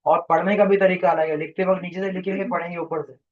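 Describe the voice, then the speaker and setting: A man's voice: sits high, steady tone, fast, highs cut off. A man teaching a class, lecturing in a rambling, explanatory way and quizzing his students.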